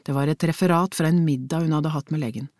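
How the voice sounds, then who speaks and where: Measured audiobook narrator, dry close sound. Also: mid-range voice, steady tone, a little mellow, no room sound. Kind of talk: scripted narration of a crime novel.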